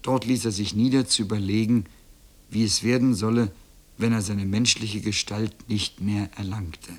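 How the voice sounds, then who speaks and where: A man reading a children's book aloud as narrator, calm and measured. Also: lowish voice, husky.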